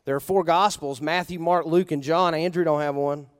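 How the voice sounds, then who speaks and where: A male pastor preaching a sermon in a conversational style, asking the congregation questions and punching key words with sudden loud emphasis. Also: fairly high pitch, fairly even intonation, normal speed, clear, resonant tone, in a large hall.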